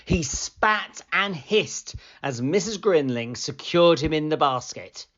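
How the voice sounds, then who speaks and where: A woman narrating a children's picture book in an expressive read-aloud style. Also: low voice, takes it slowly, lo-fi sound. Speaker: storybook reader.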